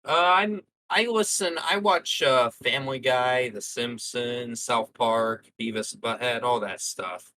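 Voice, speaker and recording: A man's voice: mid-range voice, a little slow, few pauses, pushed and bright, dry recording, rough recording. A young man as a podcast guest, giving brief, hesitant answers. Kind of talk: casual podcast chat.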